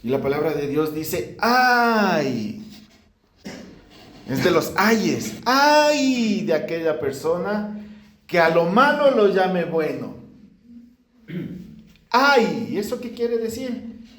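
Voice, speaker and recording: High-voiced male pastor preaching in echo. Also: unhurried. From Ecuador. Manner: lively preaching, acts out pleading prayers. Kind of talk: sermon. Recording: echoey church room.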